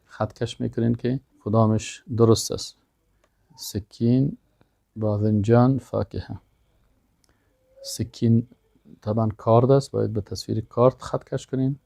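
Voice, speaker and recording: Gravelly-voiced man teaching a language lesson. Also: mid-range voice, fairly even intonation, long pauses, warm tone, no room sound, clean studio sound. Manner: reads each word, repeats it and gives its meaning. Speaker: Arabic teacher. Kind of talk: language lesson, reading out words and translating.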